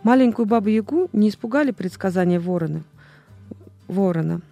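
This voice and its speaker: Female audiobook reader, expressive storybook narration, mellow voice, light music bed. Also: medium pitch, normal speed, creaky.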